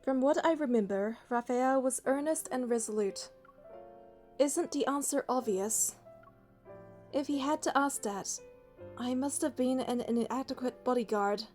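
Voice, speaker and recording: Faint music plays behind a woman's high, slightly slow and mellow voice as she plays a young female hunter and bodyguard. She narrates the romance game's scripted first-person lines and dialogue in a reflective mood, earnest with a light tease.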